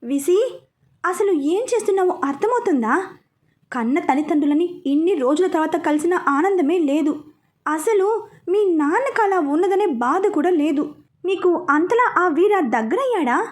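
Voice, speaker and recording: A woman voicing a scolding, anxious middle-aged mother with a sharp, reproachful tone. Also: high-pitched, moderate pace, lightly acted. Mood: angry scolding.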